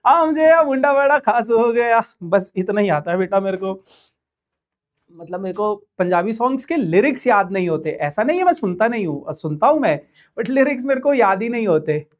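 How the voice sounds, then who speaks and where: A man's voice: high-pitched, animated, moderate pace, darkish tone. A man teaching a live online class, chatting and joking as he reads viewer messages aloud. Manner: hesitant fillers.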